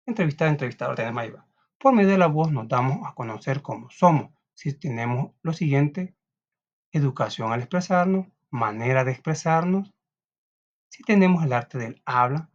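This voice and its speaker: Salvadoran man, teacher, reads the lesson aloud, frequent check-ins with the class, dull lo-fi sound. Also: medium pitch. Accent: Salvadoran Spanish. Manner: reads aloud, with frequent tag questions and restarts. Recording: dull lo-fi recording.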